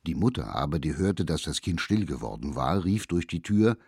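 A man with a deep, husky voice reads a fairy tale aloud, his pitch rising and falling with lively expression. The recording is close and dry, with no room sound. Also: brisk, no echo. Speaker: storyteller.

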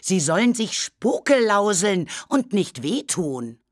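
A narrator voicing a tiny, indignant dust-ball ghost with high, shrill cries. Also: big pitch swings, slow, sharp tone, no room sound, clean studio sound, exaggerated voice.

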